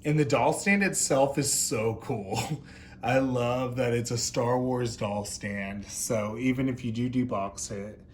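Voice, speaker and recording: Unscripted doll review commentary comes from a man with a mid-range voice and fairly even intonation who talks slowly yet still gushes in an effusive, campy drag-queen way. Faint background noise is present.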